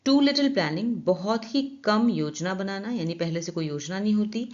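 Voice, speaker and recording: A woman with an Indian accent explains a newspaper editorial as an English teacher. She reads the English lines slowly and then explains them. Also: medium pitch, animated, highs cut off.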